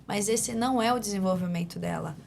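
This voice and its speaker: A Brazilian woman, a speech therapist, giving a steady, teacherly explanation as an interview guest. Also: mid-range voice, brisk, creaky, slight background noise. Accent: Brazilian Portuguese. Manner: didactic, steady explaining with many fillers.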